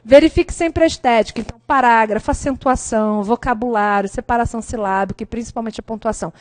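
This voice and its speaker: A middle-aged woman with a Brazilian Portuguese accent teaching an exam-prep writing class, lively and chatty, often checking in with her students. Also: on the high side, fast talker, no echo.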